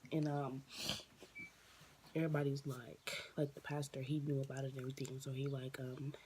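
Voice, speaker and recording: A woman telling a personal story on her vlog, emotional and near tears, halting with many fillers and restarts. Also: rumbling low, little pitch movement, mellow, a little hiss or hum. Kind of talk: casual storytime monologue.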